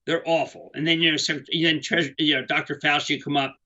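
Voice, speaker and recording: A man's voice: on the high side, steady tone, fairly quick, bright, forceful tone, highs cut off. A middle-aged man giving unscripted market commentary, rambling and emphatic with many restarts.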